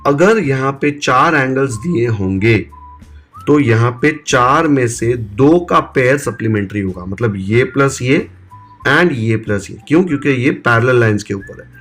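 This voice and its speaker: A man's voice: mid-range voice, lively intonation, unhurried, a bit bright, soft background music. Man teaching math step by step. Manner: explains step by step, asks and answers his own questions; mixes Hindi with English terms. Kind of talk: classroom-style video lecture.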